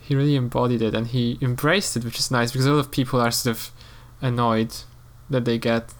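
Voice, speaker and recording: A man's voice: medium pitch, fairly even intonation, brisk. A chatty man with an Eastern European accent talks casually with a friend, his voice sitting in a middling register. He laughs often and trails off mid-thought before picking his sentences back up. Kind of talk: casual chat.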